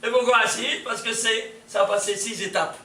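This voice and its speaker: Guy giving a torah class, very high and sharp voice, keeps quizzing the crowd. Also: a little fast. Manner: quizzes audience, animated, laughs often. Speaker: rabbi teaching. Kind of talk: lively Torah lecture. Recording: echoey room from far off, faint hiss.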